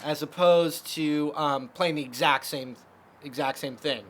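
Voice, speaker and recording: A man's voice: fairly high pitch, a little slow, fairly bright tone, slight background noise. A man teaching a casual guitar lesson, explaining chords step by step with lots of fillers.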